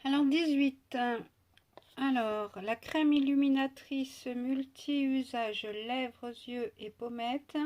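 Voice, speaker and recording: A woman's voice: high-pitched, fairly even intonation, takes it slowly, a little mellow, a little hiss or hum. A woman chatting casually through an unboxing at home, with many fillers, sometimes cooing to her pet. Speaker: beauty vlogger.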